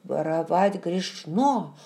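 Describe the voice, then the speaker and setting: A woman's voice: fairly low pitch, slow pace, mellow. A woman voicing a timid, half-starved pastor. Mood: timid, anxious. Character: frightened, starving male Protestant pastor, timid and earnest. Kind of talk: audiobook character voice.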